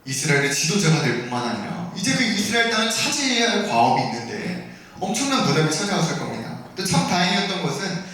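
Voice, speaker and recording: A man's voice: sits high, sing-song, quick pace, bright, forceful tone. A man preaching a sermon to a youth group, constantly asking his listeners rhetorical questions and briefly acting out the voices of a grumbling crowd. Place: church hall. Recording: very echoey hall, mic far off.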